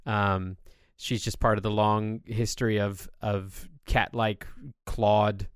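A man's voice: fairly low pitch, little pitch movement, slow, smooth, dry recording, clean studio sound. A man hosting a podcast, explaining things at length in a casual, enthusiastic way. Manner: long-winded enthusiastic explaining. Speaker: podcast host. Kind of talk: casual chat.

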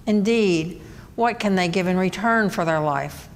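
Low-voiced woman reading scripture. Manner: measured, formal reading. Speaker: lector.

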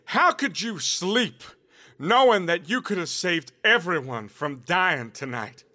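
A man's voice: high voice, lively intonation, slow pace, sharp tone, heavily acted. A man playing a foul-mouthed rogue villain with a conscience, blunt and colloquial, in an audio drama. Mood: uneasy.

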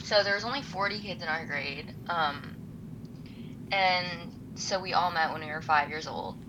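A nineteen-year-old woman from Los Angeles, California, co-hosts a casual podcast, telling stories full of detours and self-corrections. Her voice sits on the low side at a normal speed, and the audio is dull with background noise.

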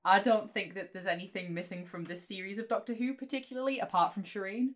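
A woman with a mid-pitched voice co-hosts a relaxed fan podcast. She chats and reads out trivia in a playful, joking manner. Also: fast talker. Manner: jokey, playful. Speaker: podcast co-host. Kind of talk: casual chat and trivia about a TV series.

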